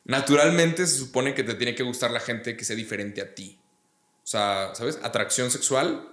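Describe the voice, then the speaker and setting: The blunt, foul-mouthed guest from Monterrey, Mexico keeps up his slangy podcast chat at a moderate pace. His voice is medium-pitched and a bit bright, with the echo of a roomy space around it.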